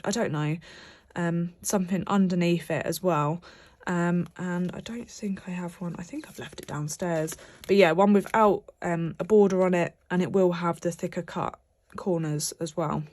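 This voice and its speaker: A fairly low, darkish female voice with no echo. The speaker is a young British budgeting vlogger, congested from a cold, who chats and rambles to camera about her budget while filling cash envelopes, full of fillers and restarts.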